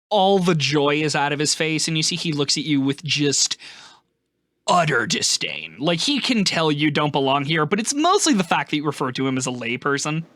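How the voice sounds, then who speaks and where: A man narrates a tabletop game as game master. He talks in a loose, chatty way with plenty of laughter. His pitch swings widely, and the sound is dry and close. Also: bright, forceful tone, dry recording. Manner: laughs often, casual filler-heavy narration.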